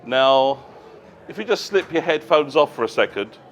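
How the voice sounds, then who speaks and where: A man giving a live presentation to an audience at a trade show, explaining things plainly with casual asides and quick self-corrections. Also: mid-range voice, lively intonation. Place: noisy exhibition hall.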